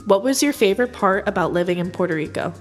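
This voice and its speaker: Calm woman narrating a family history. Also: medium pitch, fast, soft background music. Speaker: interviewer and narrator, granddaughter. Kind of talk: scripted narration and interview questions.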